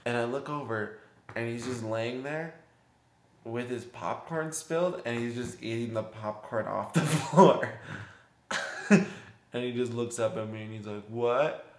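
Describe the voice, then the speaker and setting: Young man, casual storyteller, laughs a lot, mid-pitched voice, echoey room. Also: unhurried. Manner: chatty, laughs often, acts out voices. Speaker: vlogger. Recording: roomy echo.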